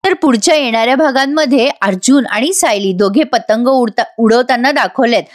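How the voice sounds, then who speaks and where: A woman with a fairly high voice recaps a TV serial in a chatty voice-over. She speaks directly to her viewers, with a casual, friendly delivery. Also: normal speed. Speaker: YouTube serial reviewer.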